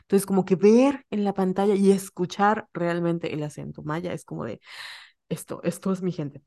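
A woman's voice: on the low side, steady tone, moderate pace, vocal fry, mellow. A woman with a Yucatecan Spanish accent co-hosting a podcast, chatting in a playful, giggly, self-mocking way. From Yucatán, Mexico. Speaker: podcast co-host. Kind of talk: casual chat.

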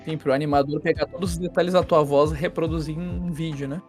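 Um homem apresentador de podcast faz perguntas de entrevista descontraída. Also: male voice, fairly high pitch, fairly even intonation, a little mellow, soft background music. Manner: fast, prompting follow-up questions. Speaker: podcast host. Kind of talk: casual interview questions.

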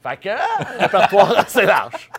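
A man's voice: sits high, sing-song, moderate pace, a crowd in the background. A Québécois man hosting a podcast, in a loose and joking tone with many fillers. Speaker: podcast host. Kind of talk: casual podcast chat.

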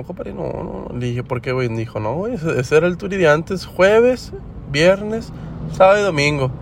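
A young man with a Mexican accent talking casually for his podcast, rambling with lots of slang and fillers. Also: fairly high pitch. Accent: Mexican Spanish. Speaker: podcast host. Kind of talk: casual everyday monologue. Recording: faint background noise.

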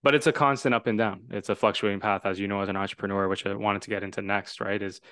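A Toronto man in his twenties hosts a casual podcast conversation, talking fast in a fairly low, steady voice with a fairly bright tone. The studio-quality recording has no echo, and his manner is earnest, reflective, and rambling.

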